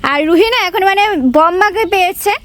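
Very high-pitched woman from West Bengal, home vlogger, chatty baby-talk mom, courtyard, lapel mic. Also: a little fast, over a noisy crowd. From West Bengal, India. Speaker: vlogger, mother. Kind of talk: casual vlog narration. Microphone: wireless lapel mic.

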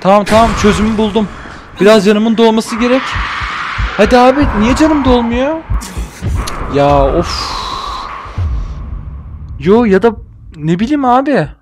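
A young man talks through a video game at his desk microphone, excitable and quick to shout at enemies. His pitch jumps around a lot. Clear game noise sits behind his voice. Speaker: gaming YouTuber. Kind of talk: casual let's-play commentary.

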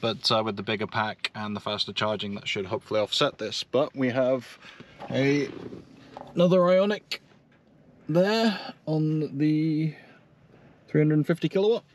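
A man gives casual running commentary on an electric car road trip, thinking aloud with fillers in a mid-range voice that moves a little slowly. A camera records him in and around his car at a parking lot.

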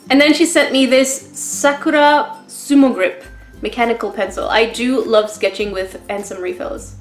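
A woman's voice: a little high, steady tone, moderate pace, roomy sound, faint music behind. Chatty, emotional woman vlogger. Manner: rambling, chatty, laughs often. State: tearful, emotional. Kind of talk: casual unboxing chat.

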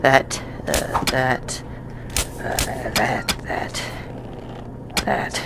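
A man's voice: mid-range voice, drawn-out words, vocal fry, loud music behind the voice. A young man giving jokey let's-play commentary, exclaiming and talking back to the game's characters. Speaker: gaming YouTuber.

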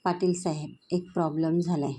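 A woman's voice: low voice, level tone, a little fast, mellow, slight background noise, lightly acted. A woman reading the part of a worried middle-aged family elder who speaks hesitantly and pleads.

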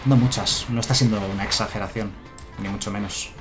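A man's voice: on the low side, fairly even intonation, a little fast, over music. A man with a Spanish accent from Spain, casually commenting a game on a live stream and answering his chat. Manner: chatty, answers chat, muses aloud. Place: home room with a chair.

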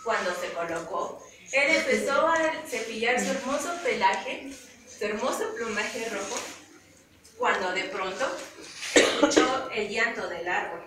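A woman with a Mexican accent, a student telling a children's story with lively, giggly energy. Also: on the high side, unhurried. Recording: echoey room, far from mic, noisy.

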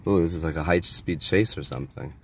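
A man filming a rambling, spiritual vlog from his car at a drive-through, talking to himself with bursts of excitement. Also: sits low, fairly quick, vocal fry, slight background noise. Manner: spiritual, excitable, talks to himself while driving. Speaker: vlogger. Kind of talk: rambling self-filmed vlog. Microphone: phone held in a car.

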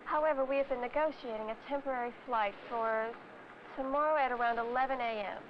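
A woman's voice: high-pitched, steady tone, fairly quick, natural voice. A woman playing a polite airline desk clerk. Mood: apologetic. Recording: dull 1980s film soundtrack with noise.

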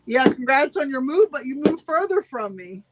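A woman's voice: high-pitched, sing-song, normal speed, background noise. A woman hosting a live-streamed sale, chatting with viewers and repeating every price twice. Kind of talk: live-streamed sales pitch.

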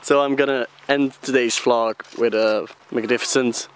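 A man's voice: medium pitch, steady tone, moderate pace. A man from Belgium filming a casual road-trip vlog, laughing and chatting loosely with his friends. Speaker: vlogger. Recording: noisy outdoor camera audio.

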